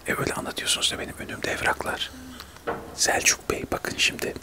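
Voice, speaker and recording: A man in his thirties doing a whispered role-play of a testy TV debate, arguing insistently in a breathy whisper. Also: fast talker. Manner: whispering throughout, argumentative, insistent. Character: testy male TV debate guests squabbling in whispers. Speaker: ASMR creator acting out a debate show.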